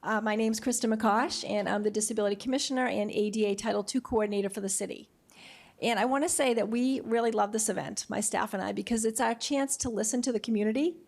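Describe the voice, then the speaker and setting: A woman's voice: fairly high pitch, fairly even intonation, fast talker, creaky, darkish tone. A woman hosting a community forum as a city official, delivering a welcome speech.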